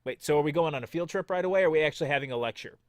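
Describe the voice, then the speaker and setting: A man's voice: a little high, rapid-fire, dry recording, clean studio sound. A man hosting a let's play, reading the game's text aloud and joking along with it in a playful, sarcastic way. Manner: playful and sarcastic, jumps into mock voices.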